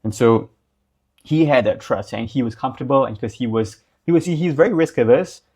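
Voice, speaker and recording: A man's voice: mid-range voice, brisk, a little mellow, husky. A young man from Singapore giving casual, loose business advice, full of fillers like "like" and "um". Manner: loose and conversational, many fillers like "like" and "um". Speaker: business coach. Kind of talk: casual talking-head advice.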